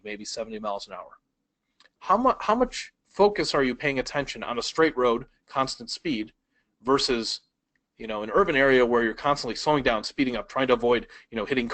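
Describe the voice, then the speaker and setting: A man teaching a speed reading webinar from a laptop, talking conversationally, asking the audience questions and changing his pace and loudness for emphasis. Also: mid-range voice, dry recording, rough recording. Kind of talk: webinar lesson. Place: indoors at a laptop.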